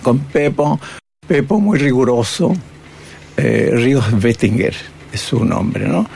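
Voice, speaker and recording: A man's voice: medium pitch, animated, slow pace, gravelly, a little mellow, a little hiss or hum. An older man, a cartoonist and painter reflecting on his career in an interview, often tagging his phrases with "¿no?". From Chile. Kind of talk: reminiscing interview.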